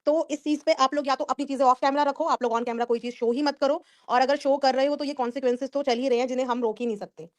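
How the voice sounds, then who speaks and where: A woman's voice: high-pitched, fairly even intonation, fast, few pauses, no room sound. A woman hosting a live stream panel, firm and reassuring as she advises her guest. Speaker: host and moderator of the live stream.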